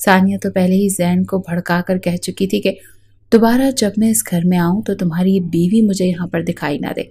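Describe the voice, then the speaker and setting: A woman narrating a romantic drama story in a steady, dramatic reading. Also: lowish voice.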